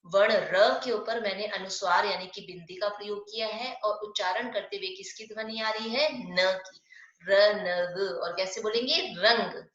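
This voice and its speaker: Hindi teacher in an echoey room. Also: female voice, mid-range voice, steady tone, fairly bright tone, dull audio. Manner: patient, asks questions and answers them herself; spells words out slowly. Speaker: primary school Hindi teacher. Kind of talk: online class lesson.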